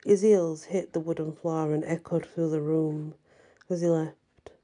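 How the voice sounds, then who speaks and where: A woman narrating a story as a storyteller in a soft ASMR style. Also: low-pitched, flat delivery, unhurried.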